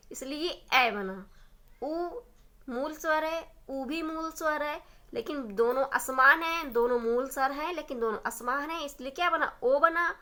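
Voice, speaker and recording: A woman's voice: high-pitched, pushed and bright. A woman teaching a grammar lesson, asking questions and answering them herself, sometimes drawing out example sounds. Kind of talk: blackboard-style grammar lesson.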